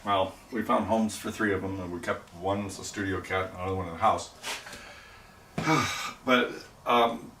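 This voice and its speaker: A man's voice: deep voice, fairly bright tone. A middle-aged man chatting while he works in his pottery studio, rambling and making self-deprecating jokes. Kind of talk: casual livestream chat while working. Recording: echoey room, distant mic, noisy.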